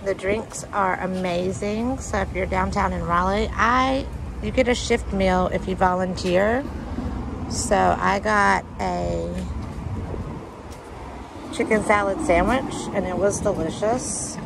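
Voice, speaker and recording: A woman talks through a casual vlog in an upbeat, conversational way, her voice slow and heavily gravelly. The recording is noisy, with street traffic audible behind her. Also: medium pitch. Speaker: vlogger.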